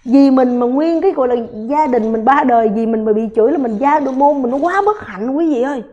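Female talk host with a high voice who rants hotly and combatively at her audience. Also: fairly quick, dark tone, muffled recording. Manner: combative, ranting, many repeated words. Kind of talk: heated talk to viewers.

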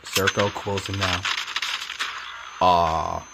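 A man's voice: deep voice, big pitch swings, extremely slow, vocal fry, heavy background noise. A man giving casual reaction commentary in short, repetitive remarks and interjections. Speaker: reaction video host.

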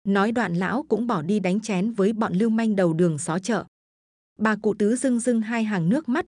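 A woman narrates a spooky village folk tale in a steady, even storytelling voice. The recording is dry and close, with no room echo. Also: medium pitch, normal speed.

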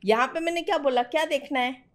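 A woman's voice: high-pitched, fast. A middle-aged woman mentoring a student on trading in a direct, firm conversational way, slipping English phrases into her talk. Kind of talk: conversational teaching.

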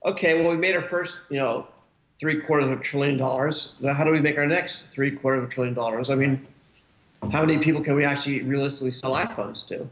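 A man's voice: mid-range voice, steady tone, fast, a bit bright, highs cut off, a little hiss or hum. Rambling man on a roomy video call. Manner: rambling, many restarts and fillers. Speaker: cartoonist guest. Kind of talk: casual interview over video call. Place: home room, indoors. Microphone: webcam video call.

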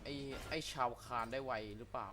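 A young man, a gaming YouTuber, doing excitable let's play commentary, with loud exclamations, crude slang and yelps at every hit. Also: medium pitch, fairly quick. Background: game music.

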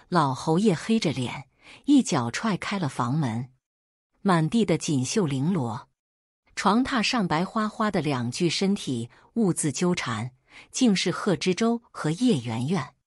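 Husky-voiced woman narrating a story. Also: fairly low pitch, dry recording, studio quality.

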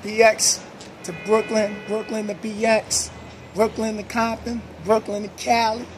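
A man's voice: sits high, level tone, measured pace. A man in his thirties with a New York accent, from the Bronx, hosting a casual vlog in upbeat street slang, filming himself on a phone at night on a city sidewalk under an elevated train. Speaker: vlogger host. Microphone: phone camera at arm's length. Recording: loud passing train noise outdoors.

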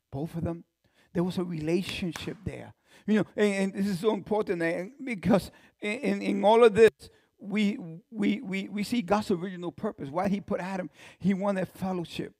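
A man preaching a sermon in church, his voice high and gravelly. He swings from hushed, low phrases up to full shouts and often restarts his sentences. The sound is close and dry, with little room around it. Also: no room sound. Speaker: pastor.

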